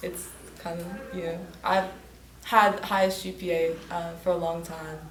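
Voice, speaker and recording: A woman's voice: fairly low pitch, level tone, normal speed, roomy sound, slight background noise. A teenage girl from West Tennessee, the top student, answering politely in an interview with nervous laughs. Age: teens. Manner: polite, laughs nervously, says yes sir. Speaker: top-ranked graduating student.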